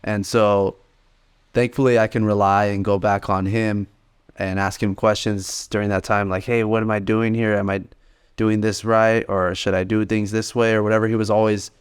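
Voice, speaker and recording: A man's voice: on the low side, level tone, moderate pace, clean tone. A man in his late twenties telling his story in a laid-back, rambling way as a podcast co-host. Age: 20s. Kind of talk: casual podcast chat.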